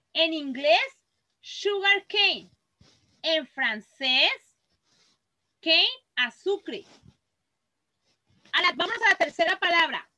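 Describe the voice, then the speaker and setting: An adult woman teacher with a Mexican Spanish accent leads a children's class, patiently reading words aloud one at a time, slowly and clearly. Her voice is very high-pitched, pushed and bright, and the recording is low quality.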